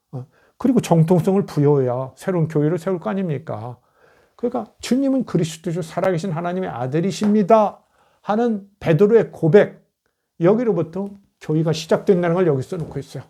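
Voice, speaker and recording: A man's voice: fairly high pitch, mellow. A middle-aged man lecturing conversationally as a historian, posing rhetorical questions and acting out quoted verses.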